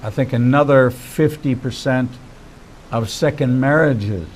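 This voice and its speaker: A man in his sixties hosting a faith-based interview, speaking in measured, preacherly phrases. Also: medium pitch, a little hiss or hum, low-quality recording. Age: 60s.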